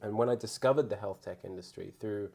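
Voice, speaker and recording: A man's voice: lowish voice, fast, vocal fry, a little mellow, husky. A man giving conversational answers as a guest surgeon on a podcast.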